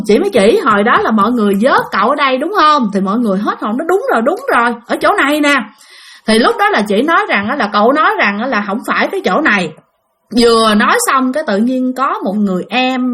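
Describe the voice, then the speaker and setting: Southern vietnamese woman telling a spooky story, chatty, talks right to the listeners, high voice. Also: a bit bright. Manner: chatty, addresses listeners directly. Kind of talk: casual spoken ghost story.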